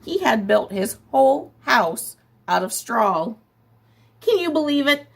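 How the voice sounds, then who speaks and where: A woman gives a heavily acted reading of a storybook's smooth-talking male wolf pleading innocence, with her voice on the high side, big pitch swings, and a slow pace. She makes him gravelly and husky, chatty and persuasive.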